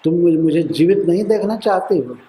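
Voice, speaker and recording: A man's voice: fairly high pitch, lively intonation, a little fast, dark tone, close to an everyday voice. A man acting out a cruel, selfish tyrant king who makes harsh, accusing demands, in an echoey room.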